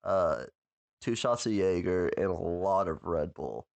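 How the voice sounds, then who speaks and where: A man's voice: low voice, lively intonation, a little slow, gravelly, dry recording, muffled recording. A sick man co-hosting a podcast, joking around and stumbling while reading his script. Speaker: podcast co-host. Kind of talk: casual chat.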